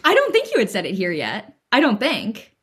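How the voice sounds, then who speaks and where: A woman's voice: mid-range voice, wildly swooping pitch, normal speed, fairly bright tone, slightly rough. A woman co-hosting a casual podcast chat, rambling with lots of filler words, talking from her home computer. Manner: chatty, rambling with many "like" fillers. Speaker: podcast co-host. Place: home at computer, dim room.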